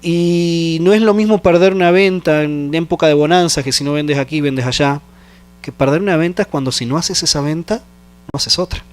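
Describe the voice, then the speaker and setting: A man, a pastor, telling a personal story in a sermon and acting out the phone calls in quoted voices. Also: sits high. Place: church.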